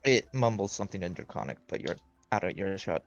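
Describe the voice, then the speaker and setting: A man's voice: sits low, very animated, quick pace, dull audio, faint music behind. A man running a tabletop game as game master, describing the scene in a loose, rambling way with many fillers.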